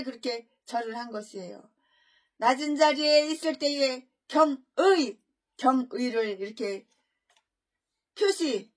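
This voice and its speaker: A woman pastor preaching an expository sermon, often repeating and restarting words, swinging between loud emphatic peaks and quiet asides. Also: high-pitched.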